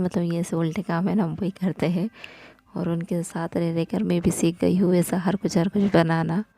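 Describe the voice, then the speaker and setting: Low husky woman narrating. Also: warm tone, no echo. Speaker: vlogger. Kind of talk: voice-over narration of a cooking vlog.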